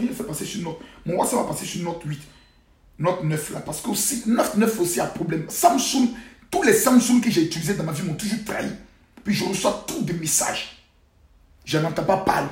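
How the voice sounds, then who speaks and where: Preachy high-voiced man ranting on a livestream. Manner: preachy, scolding rants with loud outbursts and sudden quiet asides. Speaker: livestream host. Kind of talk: live social-media monologue. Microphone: phone. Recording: roomy echo.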